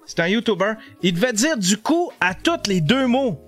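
A middle-aged man with a Quebec French accent giving casual live commentary on a video as a streamer, jokey and animated, stumbling over his words. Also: high-pitched, normal speed, soft background music.

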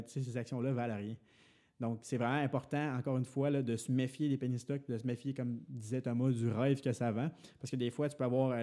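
A man's voice: mid-range voice, mellow. A young man with a Quebec French accent, a podcast co-host, explaining investing in casual talk with many fillers and restarts.

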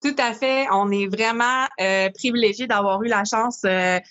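A woman hosts a podcast. She talks in a casual, chatty way, filling her pauses with small hesitations. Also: on the high side, fairly bright tone, highs cut off. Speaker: podcast host.

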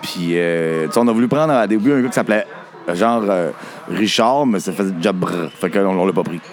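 A man with a Quebec French accent and a gravelly, husky voice, chatting casually as a guest and telling joking anecdotes. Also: low voice, expressive, fairly quick. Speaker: guest, singer in a band. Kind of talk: casual chat.

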